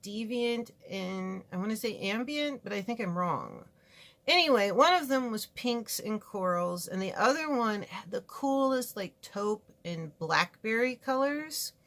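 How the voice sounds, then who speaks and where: A woman's mid-range, slightly bright voice carries lively intonation as she talks a little slowly through a casual makeup review at her home studio. She's a beauty vlogger from California, chatty and frank, rambling with asides.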